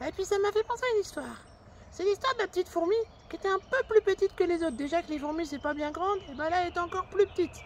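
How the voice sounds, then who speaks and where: Lady doing a chirpy squirrel guy telling a kids story, super high voice, rambly and chatty. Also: fast. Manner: chatty, uses many fillers. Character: cheerful young male squirrel storyteller. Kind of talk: storytelling to children.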